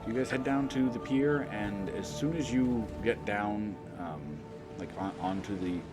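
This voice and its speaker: Deep-voiced man running a tabletop game. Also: unhurried, loud music behind the voice. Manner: loose, rambling narration with fillers and restarts. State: coughing. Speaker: game master.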